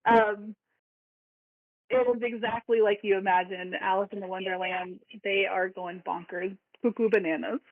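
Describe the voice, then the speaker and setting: A woman's voice: medium pitch, fairly even intonation, moderate pace, no echo. A woman narrating a tabletop game as dungeon master, playful and laughing, with frequent fillers. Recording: dry, phone-like sound.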